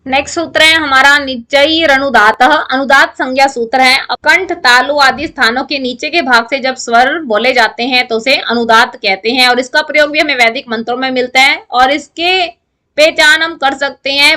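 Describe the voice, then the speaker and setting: A woman's voice: high-pitched, normal speed, pushed and bright. A woman giving an online grammar lecture to students, explaining step by step and answering her own questions. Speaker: Sanskrit grammar teacher.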